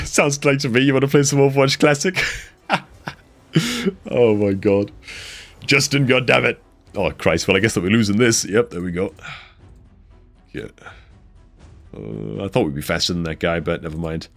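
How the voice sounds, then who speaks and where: A man chatting casually on a live game stream, laid-back and full of "man" and "dude", his voice congested and a bit rough from a cold. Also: fairly low pitch.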